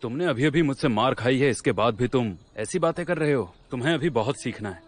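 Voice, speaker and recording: A man's voice: medium pitch, lively intonation, brisk, natural voice. A man playing a scolding former guardian spirit. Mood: mocking. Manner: scolding and mocking, drops to hushed tones. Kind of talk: Hindi dub of a drama series.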